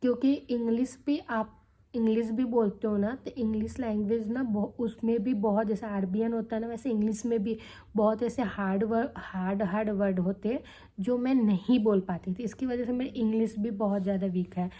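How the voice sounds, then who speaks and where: Speaking at a normal speed in a mellow, somewhat high voice with fairly even intonation, a young woman chats candidly to her camera. She keeps checking in with her audience, ending lines with "theek hai" and "hai na".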